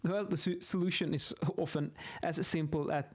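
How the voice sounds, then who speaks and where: In a slightly high, steady voice, a video host in his thirties with a Swedish accent teaches acoustics in a casual explainer while sketching, stumbling and repeating words. The audio comes from a close boom-arm studio microphone in his small home office.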